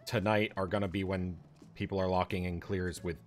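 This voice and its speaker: A man's voice: sits low, little pitch movement, a little fast, soft background music. A man streaming a game, chatting casually on voice chat and explaining things at length with lots of fillers and the odd swear word. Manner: rambling explanations with many fillers and mild swearing. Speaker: streamer, raid leader. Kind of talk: casual voice chat while gaming.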